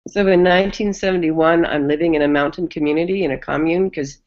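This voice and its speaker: An older American woman, a midwife, telling the oral history of her craft in an animated way, full of restarts. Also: low-pitched, quick pace, highs cut off. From United States. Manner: animated, acts out quoted voices, many restarts.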